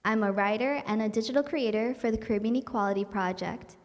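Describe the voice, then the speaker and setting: A woman's voice: on the high side, quick pace, big-room sound. A young woman from New York hosting a virtual community event, speaking in an earnest, upbeat and welcoming way. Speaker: event host. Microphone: livestream setup.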